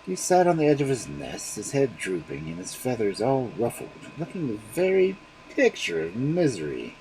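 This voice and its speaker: A man reading fairy tales aloud on a livestream in an expressive, dramatic storytelling manner. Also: mid-range voice, moderate pace, a little hiss or hum, poor audio.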